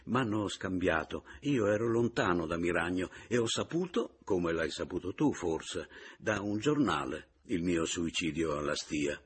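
A man's voice: low-pitched, expressive, husky, full character voice. A man reading an audiobook, voicing a wry, bitterly ironic man who has come back after being thought dead. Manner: ironic, agitated, quick to laugh bitterly.

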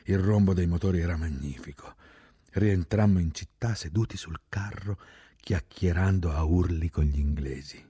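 A man reading a literary war memoir aloud, slow and reflective, dropping to a near whisper at times. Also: deep voice, warm tone, slightly rough, no echo. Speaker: narrator.

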